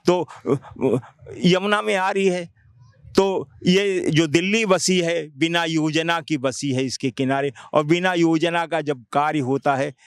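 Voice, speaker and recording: A man's voice: fairly high pitch, measured pace, smooth, no room sound, studio quality. A man being interviewed outdoors by a river, speaking earnestly and pointing things out, often restarting his sentences.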